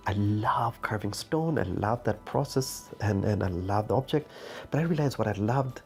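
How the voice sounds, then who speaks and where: A man's voice: on the low side, animated, moderate pace, vocal fry, darkish tone. A man from Zimbabwe, an artist and art teacher, speaking thoughtfully in a documentary interview and searching for his words.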